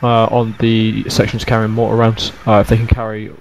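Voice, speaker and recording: Low-voiced man amid background chatter. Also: completely flat delivery, normal speed, gravelly, poor audio. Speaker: player in a military unit. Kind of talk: brief requests in military game chat. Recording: busy chatter of other voices behind.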